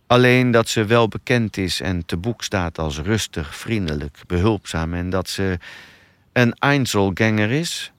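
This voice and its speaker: Man reading as a calm male detective, matter-of-fact, low voice, lively delivery, dry sound. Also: unhurried, no echo.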